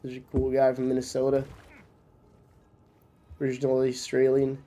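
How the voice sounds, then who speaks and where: Coughing and under the weather, this young man from Norway chats casually with his stream audience as he games, stumbling through fillers and restarts. His medium-pitched, mellow voice stays completely flat and moves at a normal speed.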